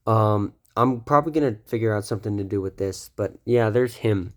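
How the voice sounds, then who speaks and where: A young man speaks a little fast in a fairly low voice, casually showing his toy collection. His slightly stuffy, cold-affected speech wanders, with many ums and self-corrections.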